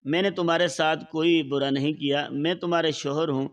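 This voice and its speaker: A calm, manipulative older widower, voiced by a male storyteller, talking in slow, hushed, measured phrases. The voice sits a little high and a little away from the microphone in this storybook reading. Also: highs cut off, natural voice. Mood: quiet, persuasive. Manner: slow, quiet, measured speech. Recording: voice slightly far from the mic.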